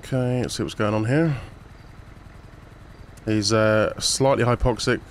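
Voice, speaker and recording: Male paramedic role-player, low voice, procedural and reassuring, faint game ambience. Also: unhurried, slight background noise. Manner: calm, procedural, reassuring to patient. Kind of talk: improvised emergency role-play.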